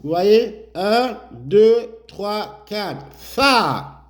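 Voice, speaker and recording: High-pitched guy teaching arabic letters real slow, says each sound over and over. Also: a little mellow. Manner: repeats each sound many times, explains while writing. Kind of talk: slow step-by-step lesson.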